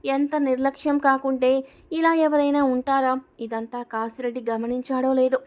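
A woman voicing a sly, middle-aged village aunt in a storybook reading, gossiping in a hushed tone. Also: high voice, little pitch movement, normal speed, natural voice. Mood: gossipy.

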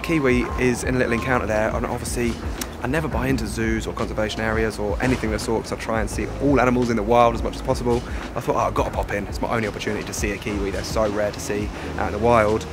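A man's voice: on the low side, level tone, racing, noisy background. A young man, chatting casually and cheerfully to a handheld camera while travelling outdoors, laughing often. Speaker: travel vlogger. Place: outdoors on a road trip.

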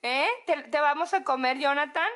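A young Mexican woman with a Mexican accent, gushing excitedly in a casual home vlog from her apartment. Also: high-pitched. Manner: excitable, gushing, drawn-out words. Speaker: vlogger.

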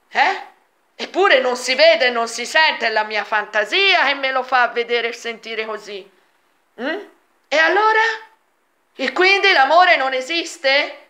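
A woman's voice: high voice, bright, forceful tone. A woman vlogger making an emphatic, insistent monologue full of rhetorical questions in reply to a comment. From Italy. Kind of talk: argumentative monologue answering a comment.

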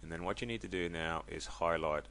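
A man casually walking viewers through a software tutorial, chatty and loose, with many ums and self-corrections. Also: low voice, brisk, slight background noise. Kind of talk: casual screen-recorded tutorial.

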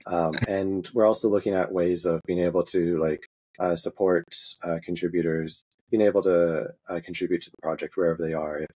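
A man, an open source maintainer, walking through a software demo in an interview, halting and easygoing, with many filler sounds. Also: deep voice, fairly even intonation, breathy edge.

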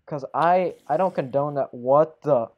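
Pitched fairly high and with the top end cut off, this man's voice carries loose gaming talk with friends. He wanders from point to point, corrects himself often, and breaks in with quick exclamations.

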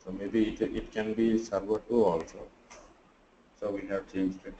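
Sleepy and tired, a man teaches a live online class through a screen-share video call, halting often and thinking aloud with many fillers. His voice is mellow, dark, fairly low, and shows little pitch movement. The audio is dull and roomy with a faint hiss beneath it.

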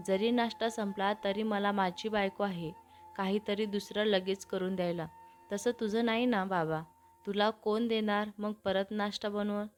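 A woman's voice: mid-range voice, fairly even intonation, normal speed, faint music behind, natural voice. A woman voicing a young man who teasingly coaxes his younger brother out of bed in a storybook reading. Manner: teasing, coaxing.

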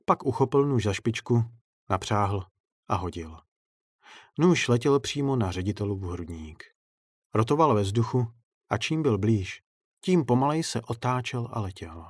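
A man narrating a dark short story in steady, measured audiobook style. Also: mid-range voice, husky, no echo, studio quality.

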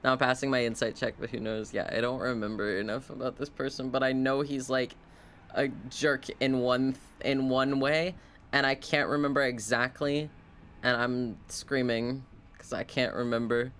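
A man with a medium-pitched, steady, fairly bright voice talks at a moderate pace. He's a game streamer commentating live and casually, tossing playful, chatty asides to his viewers. Background noise is clearly audible, including video game sound.

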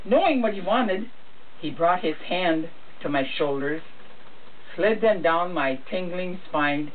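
A sweet old lady in her seventies reads a comic story aloud at home, deliberately and unhurriedly. Her intonation is lively and varied. She is picked up from across the room, with thin, phone-like sound. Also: lowish voice. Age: 70s. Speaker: grandmother reading a story aloud. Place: wood-panelled room in a home, indoors. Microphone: camera a few metres away. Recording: muffled phone-like sound, distant mic, noisy.

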